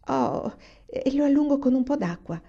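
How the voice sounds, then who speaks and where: A woman voicing a gentle, patient pioneer mother in a storybook reading, soft and kindly. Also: sits high, animated, moderate pace, creaky, lo-fi sound, voice pushed up, exaggerated voice.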